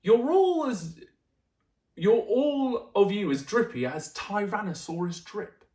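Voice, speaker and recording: A woman voicing a gruff, scoffing father dinosaur who brushes off fear. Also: medium pitch, lively intonation, slow pace, warm tone, echoey room. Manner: gruff, dismissive.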